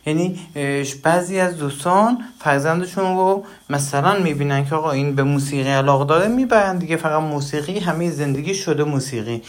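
A man lecturing on parenting in numbered tips, animated, asking and answering his own questions with everyday household examples. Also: on the high side. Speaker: parenting educator.

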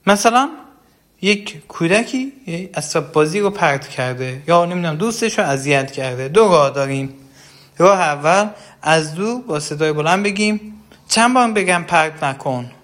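Male speaker with a somewhat high voice, earnest teacher of parents, explains patiently with examples. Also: animated, fairly bright tone. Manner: earnest, explains with everyday examples and direct address. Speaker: parenting educator. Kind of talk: explanatory talk.

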